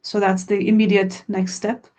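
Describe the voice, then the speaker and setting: A language teacher and product founder, a woman whose first language is Croatian, answers webinar questions in an earnest, plain manner. Her medium-pitched voice holds a level, darkish tone at normal speed.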